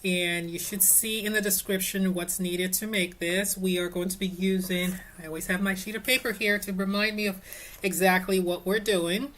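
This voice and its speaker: A woman's voice: mid-range voice, steady tone, normal speed, fairly bright tone, a little hiss or hum. A woman casually teaching an easy sewing project at home, chatty and rambling, with many fillers and self-corrections.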